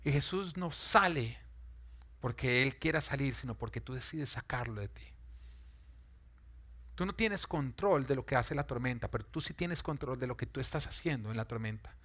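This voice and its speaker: A man preaching with a bright, forceful voice of middle pitch. He is emphatic and dramatic, swinging between loud, urgent peaks and quieter, more intimate passages. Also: expressive, normal speed. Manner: emphatic, dramatic, rises and falls in intensity. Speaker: pastor. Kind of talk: sermon.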